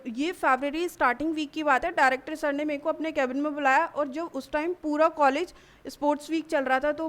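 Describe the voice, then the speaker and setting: A young woman, a college student, gives a halting personal account in a news interview, often restarting her sentences. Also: high voice, a bit bright. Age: young adult. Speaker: college student giving testimony.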